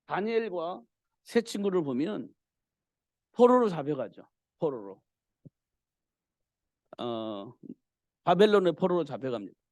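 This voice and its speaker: A male pastor preaching a sermon in a church, telling the story with animated delivery. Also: a little high, a little slow, long pauses, dry recording. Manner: animated storytelling, acting out the king's cries.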